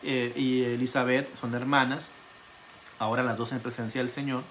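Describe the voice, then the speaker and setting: A male pastor giving an online Bible study sermon, telling stories in an animated way and repeating words for emphasis. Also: mid-range voice, moderate pace, slight background noise. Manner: animated storytelling with emphatic repetition.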